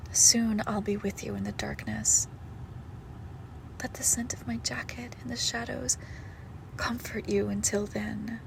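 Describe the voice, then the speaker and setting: Heavily acted and pitched fairly high with vocal fry, a woman voices a young female shadow monster pretending to be a loving, possessive girlfriend. This horror roleplay is intimate, and her whispered menace turns tender and threatening by turns, against background noise.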